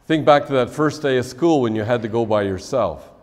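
A man in his sixties preaching a measured wedding sermon as officiant, his phrases dropping softly at their ends, in a church sanctuary. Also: medium pitch, animated. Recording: long church reverb.

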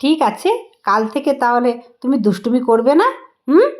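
A woman playing a mother in a doll role-play vlog, coaxing and affectionate, gently scolding. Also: on the high side, lively intonation, moderate pace.

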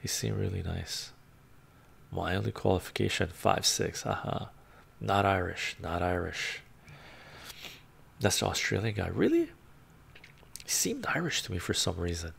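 Reading comments on a casual live stream, a middle-aged man whose first language is Romanian talks from a bookshelf-lined home room into a lapel mic. His low voice is very animated yet unhurried, husky and fairly bright, with vocal fry and long pauses. He rambles, often tacking on "right?"

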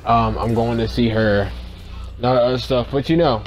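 A man's voice: medium pitch, steady tone, moderate pace, slight background noise. A young man talking casually to his channel's viewers in a rambling, profane way, then calling out gameplay. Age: young adult. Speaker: YouTuber. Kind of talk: casual vlog and gameplay commentary.

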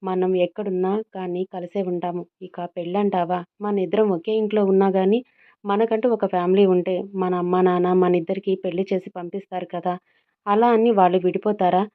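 A woman voicing a gentle young woman who comforts and reassures her best friend. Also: mid-range voice, lightly acted. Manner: soothing and coaxing. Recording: tinny phone-like audio.

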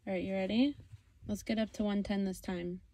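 Woman for casual car ASMR: soft, dark-toned delivery addressed to the viewer, faint hiss on a phone recording. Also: mid-range voice, fairly even intonation, a little fast. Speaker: video creator hosting a pretend drive. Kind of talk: casual ASMR pretend-drive role-play. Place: inside a parked car. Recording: noisy handheld phone recording, clicks.

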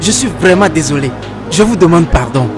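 An actor playing a poor young street vendor selling biscuits, begging and then cursing a customer. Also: male voice, on the high side, animated, fairly quick, over music, natural voice. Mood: pleading. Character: poor male street biscuit seller, pleading then furious.

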